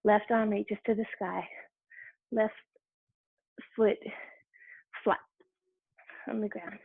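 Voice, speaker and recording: A woman's voice: mid-range voice, fairly even intonation, slow pace, gravelly, husky, no room sound. Tinny-sounding woman cueing a yoga class. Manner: short encouraging movement cues. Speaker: yoga instructor. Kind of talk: guided yoga class instruction. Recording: tinny phone-like dry sound.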